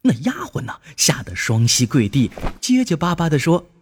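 A man narrating a scripted children's story in an expressive way, drawing out his exclamations. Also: mid-range voice, normal speed, a little hiss or hum.

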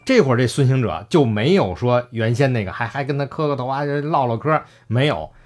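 A man's voice: mid-range voice, expressive, brisk, darkish tone. A man casually retelling a classic story, acting out the characters' lines and laughing often.

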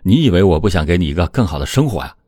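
A man's voice: low voice, expressive, a little fast, a little mellow, no echo, clean studio sound. A man voicing a hurt, desperate young husband in a dramatized true-crime retelling, pleading and lashing out. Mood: angry. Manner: pleading, then heated outbursts.

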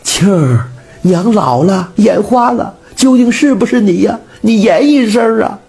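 A frail old mother, tearful and pleading, as a male storyteller puts her on. Pitched well above his own voice, rough and husky, rising in lively swoops over faint music. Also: measured pace, exaggerated voice.

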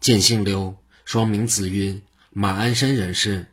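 A storyteller voicing a distressed young scholar in a sorrowful, pleading manner. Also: male voice, lowish voice, steady tone, a little slow, breathy edge.

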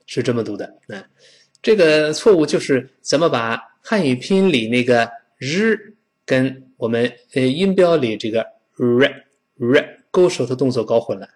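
A man teaching English pronunciation in an animated, playful way, drawing words out slowly for learners to repeat and acting out example sounds. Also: mid-range voice.

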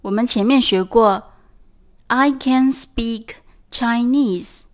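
A woman teaching a beginners' English lesson, explaining clearly and spelling words out letter by letter. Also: a little high, takes it slowly. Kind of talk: scripted lesson narration.

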